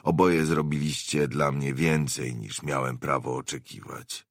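A man voicing a tired, guarded adult man who speaks low, quiet and clipped in an audiobook. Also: fairly even intonation, unhurried, no echo, studio quality, heavily acted. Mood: subdued.

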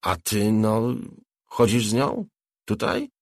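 A man voicing a rough, wary male thug in an audiobook, blunt and puzzled. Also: fairly low pitch, takes it slowly, dry recording, studio quality.

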